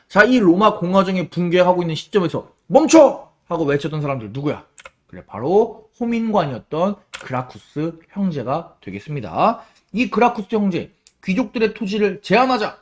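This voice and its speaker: A man teaching a history lecture to students, lively and casual, asking questions and answering them himself. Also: high-pitched. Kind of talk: classroom lecture.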